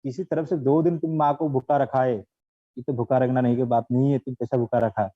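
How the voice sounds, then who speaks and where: A man voicing a stern but fair old father who questions his son calmly. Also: medium pitch, a little fast, no room sound, natural voice. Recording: dull, dry recording.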